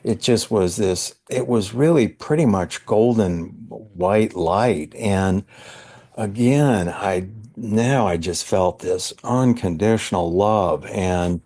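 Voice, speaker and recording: Slow, low-toned earnest man. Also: mellow. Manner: earnest, halting, searching for words. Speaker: podcast guest, psychologist. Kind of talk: recounting a personal spiritual experience.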